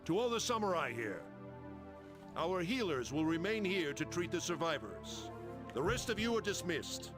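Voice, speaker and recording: A man's voice: on the high side, big pitch swings, moderate pace, over music. An actor playing a formal, authoritative male samurai commander in a video game. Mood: commanding. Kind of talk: dramatic game voice acting.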